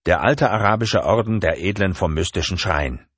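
A male narrator playing a cold, menacing tattooed kidnapper who speaks calmly. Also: low voice, moderate pace, husky, dry recording, heavily acted. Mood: cold menace.

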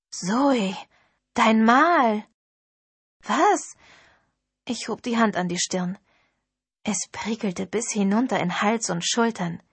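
Breathy woman narrating a novel. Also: mid-range voice, no room sound. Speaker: audiobook narrator. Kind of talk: first-person novel narration.

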